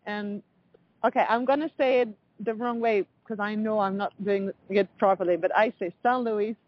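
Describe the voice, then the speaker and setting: A woman's voice: medium pitch, steady tone, moderate pace, no room sound, lo-fi sound. A young woman with a French accent, a jazz musician chatting in an interview and laughing often. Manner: laughs often, light and giggly. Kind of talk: casual interview chat.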